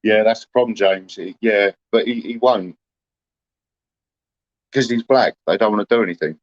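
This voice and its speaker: A man's voice: fairly low pitch, moderate pace, no room sound, highs cut off. A man, chatting casually to livestream viewers in a rambling, aggrieved way, full of "you know".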